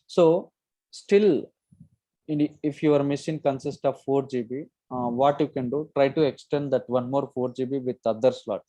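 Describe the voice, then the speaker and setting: Mellow Telugu-accented man teaching. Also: mid-range voice, no room sound. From Telugu-speaking region of India. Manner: instructive, often checking with "okay". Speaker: software trainer. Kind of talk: live online lesson, explaining informally.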